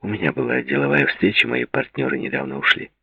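A man voicing a weary grown man with a dry, flat delivery, close to his own narrating voice. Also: medium pitch, fast, creaky, slightly rough, dry recording, pitched above the performer's own voice. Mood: evasive. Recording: dry, slightly muffled audiobook recording.

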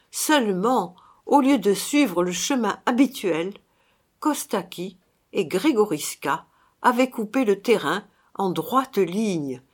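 Slow dramatic woman narrator. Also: mid-range voice. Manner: dramatic, theatrical storytelling. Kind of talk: audiobook reading of a classic gothic tale.

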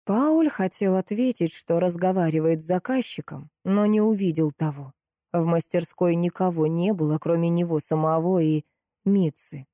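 A woman narrating an audiobook in a measured, expressive storytelling manner. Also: fairly low pitch, no echo, studio quality.

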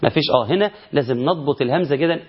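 Egyptian male recitation teacher, rapid explanations broken up by slow chanted verses, muffled lo-fi recording. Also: a little high, husky. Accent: Egyptian Arabic. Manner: explains errors, then chants verses slowly. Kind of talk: recitation lesson. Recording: dull lo-fi recording.

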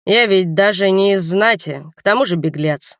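A woman voicing a drowsy, teasing young male spy in an audiobook, speaking low-key and unhurried. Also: dry recording, clean studio sound, close to an everyday voice. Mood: quiet.

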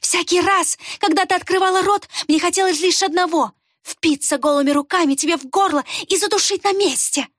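A woman's voice: high-pitched, animated, drawn-out words, hardly any pauses, no echo, studio quality, pitched above the performer's own voice, full character voice. A woman reading an audiobook voices a cunning female fox killer who speaks venomously and sneers. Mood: venomous fury. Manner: hissing, spiteful, sneering.

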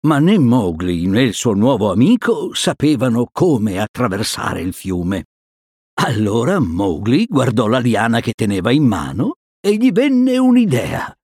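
A man reads a children's storybook aloud with a very animated, sing-song voice. He takes his time with the words. The recording is close and dry. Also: medium pitch, measured pace, breathy edge, no echo. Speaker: narrator. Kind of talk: storybook reading.

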